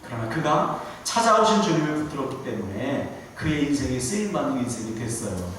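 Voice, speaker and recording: A man's voice: mid-range voice, brisk, a little hiss or hum. A man preaching a sermon as guest pastor. He preaches with animation and acts out quoted lines in voices of their own. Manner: animated preaching, acting out God's and Moses' words in quoted voices. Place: church sanctuary. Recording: echoey church hall picked up from a distance.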